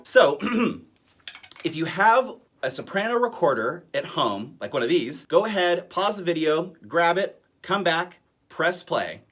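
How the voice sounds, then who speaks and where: A man's voice: measured pace, slight background noise. A young man teaching a music lesson in an upbeat, instructional way. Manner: upbeat, instructional, lively pitch. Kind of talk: music tutorial.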